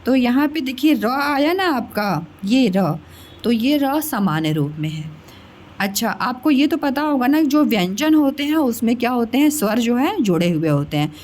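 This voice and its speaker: A woman's voice: on the high side, big pitch swings, normal speed, darkish tone. A woman teacher patiently explaining a grammar lesson to children step by step, often checking that they understand. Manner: addresses listeners as children.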